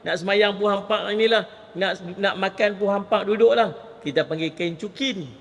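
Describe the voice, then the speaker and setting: A Malaysian man with a northern Malay accent giving a lively mosque lecture, often addressing his audience directly. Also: high-pitched, normal speed, gravelly. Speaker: Islamic preacher. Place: mosque hall. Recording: long reverb of a mosque hall.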